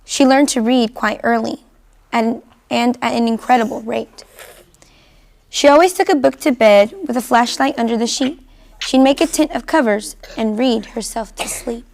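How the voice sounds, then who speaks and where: A woman's voice: a little high, moderate pace, gravelly, darkish tone. A woman hosting a children's reading show, reading a rhyming picture book aloud to a kindergarten class.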